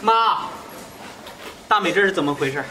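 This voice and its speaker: A man's voice: sits high, expressive, moderate pace, a crowd in the background. Guy acting as a young husband, earnest, keeps asking what happened, then lecturing his mom. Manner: pleading then reproachful, repeats questions. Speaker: husband returning from work away.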